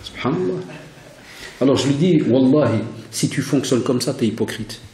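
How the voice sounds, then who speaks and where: A man who teaches religion, giving an animated religious lecture full of stories and Arabic religious phrases. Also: medium pitch, moderate pace. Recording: roomy hall reverb.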